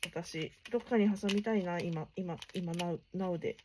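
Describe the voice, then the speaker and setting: A young woman chatting casually while unboxing stationery gifts, keeping her voice low and gushing softly, sometimes dropping to near whispers. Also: measured pace, a little hiss or hum. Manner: soft-spoken, chatty, keeps voice down late at night.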